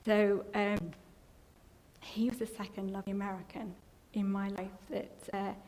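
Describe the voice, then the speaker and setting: With a level tone and a slightly mellow mid-range voice, an English church member tells her personal testimony at a moderate pace. The story rambles and grows emotional, sometimes tearful. It was captured in a church hall with long reverb and faint background noise.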